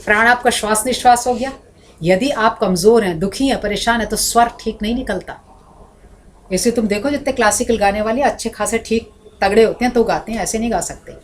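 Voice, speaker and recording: A woman's voice: on the high side, brisk, slight background noise. A woman teaching a Sanskrit class, explaining points at length and breaking into spoken examples and recited sound drills. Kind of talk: classroom lecture.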